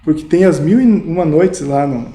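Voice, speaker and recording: Animated Brazilian man with a dark voice. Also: fairly high pitch, moderate pace. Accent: Brazilian Portuguese. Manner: animated, lively anecdotes with many fillers. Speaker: guest, mattress salesman. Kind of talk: casual storytelling interview. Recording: roomy podcast studio.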